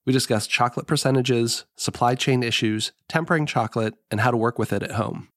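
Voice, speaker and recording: A middle-aged American man hosts a podcast in a nasal, allergy-congested voice with a gravelly edge. He reads his scripted monologue over a close, dry recording. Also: medium pitch, brisk, dry recording. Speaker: podcast host. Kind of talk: scripted podcast introduction and sponsor read.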